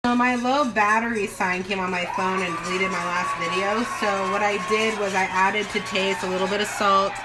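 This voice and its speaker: Over loud background music and clattering pans and dishes, a woman with a steady, mid-range voice talks at normal speed with hardly any pauses while cooking in her home kitchen for a video shot on a phone. Her demonstration is relaxed and loose, full of thinking aloud and playful side trips.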